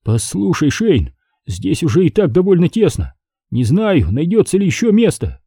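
A man voicing a frightened crewman in a deep-sea vessel who speaks in a hushed, anxious way. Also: wildly swooping pitch, normal speed, husky, dry recording, clean studio sound, full character voice. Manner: whispering, anxious.

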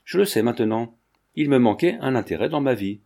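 A man's voice: medium pitch, animated, a little fast, dark tone. A man reading a novel aloud, voicing a carefree, whimsical young Parisian man who speaks earnestly.

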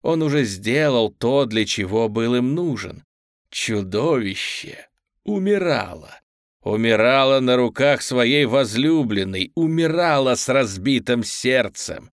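Выразительный мужской голос чтеца аудиокниги, неторопливо разворачивающий сказочный сюжет. Звук близкий, сухой, студийный. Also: male voice, mid-range voice, expressive, takes it slowly, no room sound, studio quality. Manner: выразительное, театральное повествование. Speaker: чтец аудиокниги. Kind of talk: художественное чтение сказки.

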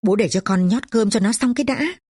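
A woman's voice: a little high, fairly quick, darkish tone, husky, dry recording, clean studio sound, pitched above the performer's own voice. A woman voicing a young daughter who pleads and wails while her father beats her. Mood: timid. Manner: pleading, wailing. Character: young daughter, frightened and tearful.

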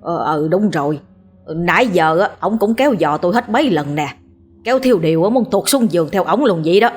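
Woman voicing a cranky drunk old man, lower, complaining, Southern Vietnamese. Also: lively intonation, a little fast, breathy edge, soft background music. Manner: complaining, exasperated.

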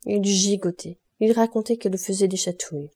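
A woman reading a classic novel aloud in steady, measured narration. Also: medium pitch, breathy edge. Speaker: audiobook reader. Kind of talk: scripted literary narration.

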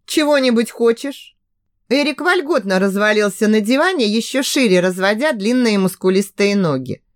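Lively sarcastic woman narrating. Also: medium pitch, normal speed, no room sound, clean studio sound. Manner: sarcastic, expressive. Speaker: audiobook narrator. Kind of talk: first-person audiobook narration.

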